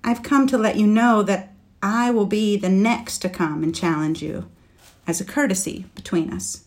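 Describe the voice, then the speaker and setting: A woman's voice: normal speed, darkish tone, lightly acted. A woman reading the part of a young male knight, speaking earnestly and persuasively in a raised voice. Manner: earnest, pleading, raised pitch. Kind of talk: storybook reading.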